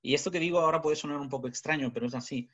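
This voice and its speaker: Animated man giving a lo-fi webinar. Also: fairly high pitch, rapid-fire. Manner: animated, rhetorical questions. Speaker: communication trainer. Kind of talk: webinar talk. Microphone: webcam video call. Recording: dull lo-fi webinar audio.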